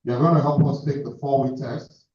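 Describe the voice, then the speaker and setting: A man's voice: mid-range voice, fairly even intonation, normal speed, mellow. Jovial Nigerian man emceeing a meeting. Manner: directive, jovial. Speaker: meeting host. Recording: echoey hall, distant mic, dull sound.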